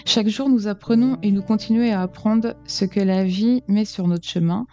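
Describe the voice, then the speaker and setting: A woman with a dark, mellow voice gives an earnest, halting personal account as an interview guest. Her delivery is reflective, and the sound is slightly dull and lo-fi, with music behind her. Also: medium pitch, fairly even intonation. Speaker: interview guest, decorative painter.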